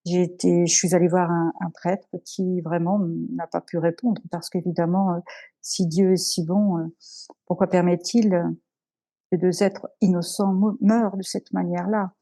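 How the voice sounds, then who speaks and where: A woman giving an earnest, emotional personal testimony as an interview guest, halting with many pauses and restarts. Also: on the low side, level tone, dark tone.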